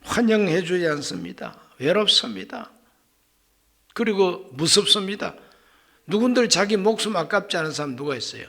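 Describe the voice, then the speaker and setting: High, animated man preaching a sermon. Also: moderate pace. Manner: dramatic preaching, swinging from hushed whispers to loud exclamations; rhetorical questions to the congregation. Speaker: pastor.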